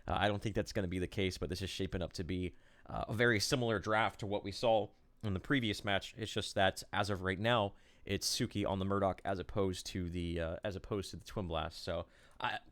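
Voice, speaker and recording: Excitable male esports caster, rambling commentary. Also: sits low, fairly quick. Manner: rambling, excitable play-by-play with fillers.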